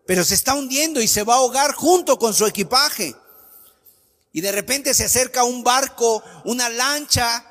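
A man's voice: very high-pitched, fairly bright tone. A man preaching a sermon with an emphatic, sing-song cadence. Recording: long hall reverb.

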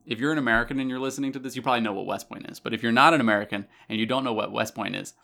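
A man with a bright, forward voice co-hosts a history podcast. He speaks at a middle pitch and explains things straight to listeners, restarting phrases and adding emphatic asides. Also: very fast, gravelly. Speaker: podcast co-host. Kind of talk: casual history chat.

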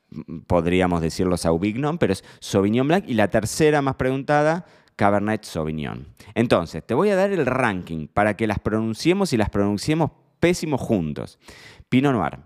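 A man's voice: on the low side, a little mellow. A man with an Argentine Spanish accent hosting a casual solo podcast, chatty and playful, joking about his own mistakes. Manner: chatty, self-deprecating, playful mock pronunciations. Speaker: podcast host.

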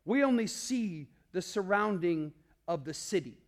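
A male pastor preaching a sermon, calling out to the congregation and swinging between loud declarations and hushed, low passages. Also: lively intonation, unhurried. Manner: calls out to the congregation.

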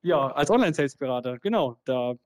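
A man's voice: medium pitch, expressive, fast. A man speaking as a guest on a phone call, answering in loose, chatty short replies. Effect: heard over a phone line. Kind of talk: casual chat. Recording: distant phone-call audio.

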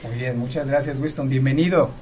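A man's voice: mid-range voice, brisk, a little mellow. A man presenting a live event as host in an effusive, courteous manner. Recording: distant mic, noisy room ambience.

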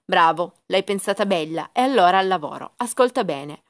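A woman's voice: on the low side, expressive, normal speed, no echo, clean studio sound. A woman voicing a placid, matter-of-fact female cow in a storybook reading. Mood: brisk.

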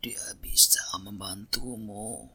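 A man voicing a sick, weary father horse in a children's story, with a breathy, whispery, halting voice. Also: lowish voice, fairly even intonation, sharp tone, full character voice. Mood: weak, consenting. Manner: slow, halting.

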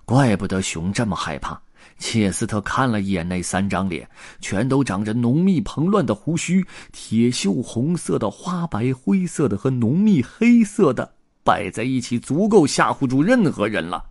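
Expressive man reading a children's story. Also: medium pitch, moderate pace, dry recording, studio quality. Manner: expressive, voices the characters.

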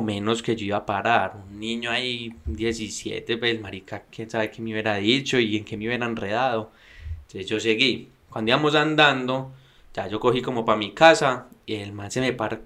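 A young man with a Medellín accent telling a story on a casual podcast, slangy and animated, acting out what people said. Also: fairly low pitch. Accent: Medellín Colombian Spanish. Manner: slangy, animated, acts out quoted voices. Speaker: podcast co-host.

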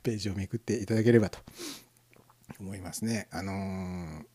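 A man hosting a live internet radio show, musing aloud in a casual, rambling way and chuckling softly as he reads out listener comments. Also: deep voice, fairly quick, husky. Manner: rambling, musing, frequent fillers and soft chuckles.

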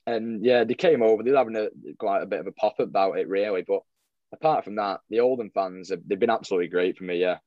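A man's voice: on the low side, fast, no room sound, lo-fi sound. A young man, a football vlogger telling stories in a rambling casual chat, full of restarts and fillers. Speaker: football fan vlogger, guest.

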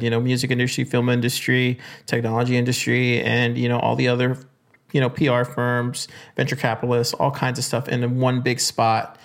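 A young adult man hosting a podcast, telling stories casually and rambling with many fillers and restarts. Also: mid-range voice. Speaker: podcast host. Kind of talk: casual solo podcast talk.

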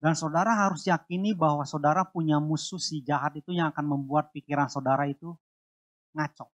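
A man preaching a sermon and giving his own testimony, emotional and repetitive, swinging between loud and soft. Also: fairly high pitch, fairly even intonation, brisk.

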